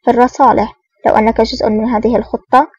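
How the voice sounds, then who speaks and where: A woman voices a suspicious male prison officer in a storybook reading, wary and probing. The voice is quick and high, with a breathy edge. It is dry, dull and sounds far from the mic. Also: little pitch movement, no room sound. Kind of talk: audiobook reading.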